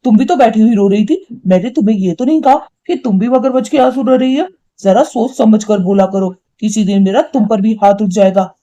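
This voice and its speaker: A woman's voice: mid-range voice, a little fast, few pauses, dark tone, dull audio, lightly acted. A woman voicing a hot-tempered young husband and son in a cartoon, scolding and indignant. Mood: angry. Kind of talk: cartoon voice acting.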